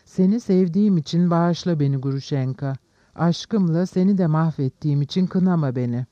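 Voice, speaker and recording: A man's voice: fairly high pitch, normal speed, warm tone, no room sound, lo-fi sound, close to an everyday voice. A man voicing an impulsive young male nobleman under arrest, in a pleading, agitated way.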